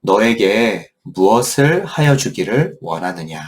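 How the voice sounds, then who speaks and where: A man as a calm, gentle teacher figure. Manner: low, measured and gentle. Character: calm, kind male teacher speaking gently.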